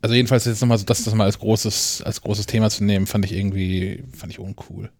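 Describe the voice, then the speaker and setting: A co-host with a fairly low voice chats easily about tech. He hesitates and restarts his sentences often. His voice sounds dry and close. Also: fairly even intonation, quick pace, a little mellow, dry recording. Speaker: podcast co-host. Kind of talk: casual tech podcast chat.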